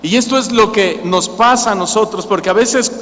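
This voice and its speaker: A man in his thirties with a Mexican accent, preaching a sermon, questioning the congregation and rising to loud cries. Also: sits high, normal speed. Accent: Mexican Spanish. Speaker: pastor. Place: church hall. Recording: lo-fi church recording with long reverb.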